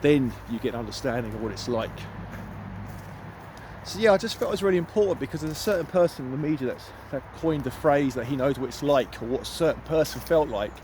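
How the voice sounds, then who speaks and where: A middle-aged man talks straight to his phone while walking outdoors, earnest and emphatic, often repeating his words for emphasis. His voice sits at an ordinary middle pitch. Faint outdoor noise runs under the recording. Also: lively intonation, fast. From United Kingdom. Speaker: empowerment coach. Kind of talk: walking vlog monologue. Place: outdoors in woods.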